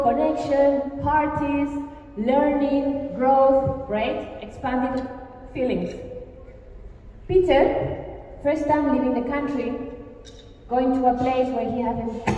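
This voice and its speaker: Argentine woman speaking in an echoey hall. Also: high-pitched. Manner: lively, engaging, asks the audience questions. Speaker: workshop speaker. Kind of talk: live stage talk. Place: large hall with a live audience. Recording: echoey hall, mic from a distance, dull sound, faint ambience.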